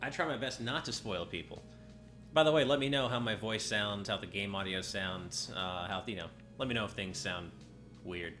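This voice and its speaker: A man streams a video game with game music behind him, giving casual live commentary in a slightly nasal voice and often stopping mid-sentence as he plays. His voice is lowish, bright and forceful, at a normal speed.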